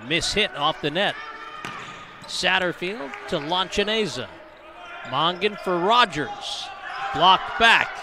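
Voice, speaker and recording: Brief: high-pitched male play-by-play caller, brisk, noisy arena feed with gym sounds behind. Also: expressive. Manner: brisk, rises to shouts on big plays. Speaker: play-by-play commentator. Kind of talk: live volleyball commentary. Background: gym ambience and ball bounces.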